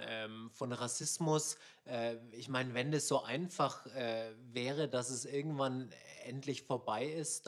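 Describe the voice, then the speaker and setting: A man with a middle-pitched voice hosts a radio discussion. He thinks aloud and poses open questions, with a few ums along the way. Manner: thoughtful, questioning, some fillers. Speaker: radio show host.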